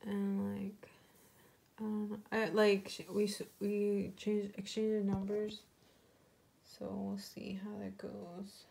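A woman's voice: medium pitch, completely flat delivery, slow, creaky, mellow. A young woman vlogger telling a rambling story in casual chat, full of "like" fillers, and now and then cooing baby talk to her pet rabbit.

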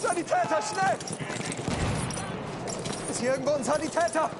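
A man's voice: very high voice, normal speed, very noisy. An actor voicing a wounded soldier in a military shooter game, urgently pleading for a medic with man-down cries. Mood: urgent, hurt. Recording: loud gunfire all around.

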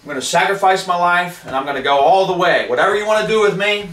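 A man's voice: sits high, fast talker, fairly bright tone. Fervent male preacher in a roomy space. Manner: fervent preaching with reading from scripture. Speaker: street preacher. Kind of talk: sermon. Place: living room with wood paneling. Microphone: far camera. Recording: roomy sound from a distant camera.

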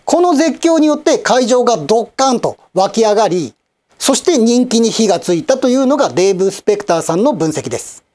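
Animated, formal middle-aged male commentator. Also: sits high. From Japan, Osaka and Kochi. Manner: formal, polite and measured, with wry asides. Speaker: channel host and commentator. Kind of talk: scripted news-style commentary.

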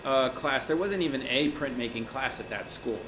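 A man's voice: medium pitch, moderate pace, a crowd in the background, low-quality recording. A middle-aged man from Mexico, a printmaker, talking casually in an interview in his studio, loose and rambling with lots of fillers. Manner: relaxed, rambling, many "you know" and "like" fillers, gestures with hands. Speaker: printmaker and art teacher, interview guest. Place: indoor art studio.

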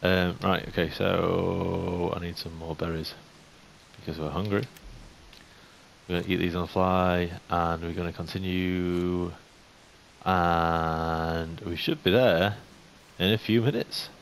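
A young man giving casual game commentary, chatting to the animals in the game and getting jumpy and excitable. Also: low voice, takes it slowly, creaky. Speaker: gaming YouTuber. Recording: faint hiss.

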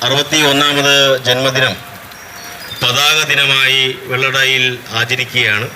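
A man's voice: medium pitch, level tone, unhurried, sharp tone. A man with a Kerala accent giving a formal political speech as a local party leader. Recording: echoey outdoor setting with traffic noise.

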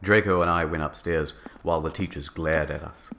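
A man narrating fan fiction aloud in a deadpan comedic reading, delivering absurd text earnestly and flatly. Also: extremely low pitch, a little fast, vocal fry.

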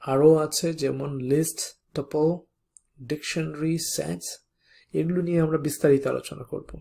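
A programming instructor teaching a coding lesson step by step, spelling out code slowly and often checking in with the viewer. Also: mid-range voice, steady tone, vocal fry, warm tone. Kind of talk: coding tutorial lecture.

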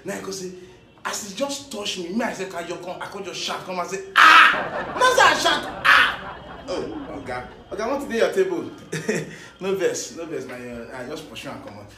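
A man's voice: high-pitched, brisk, very noisy. A man with a Nigerian Pidgin accent telling a comic story, chuckling often as he goes. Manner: animated, chuckling through his tale. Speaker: comedian. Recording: roomy echo.

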